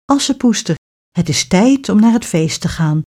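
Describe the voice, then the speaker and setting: A kind fairy godmother, voiced by a woman, speaking in a soft, soothing and warm voice. She sounds gentle and caring, a storybook helper. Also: medium pitch, expressive, moderate pace, husky.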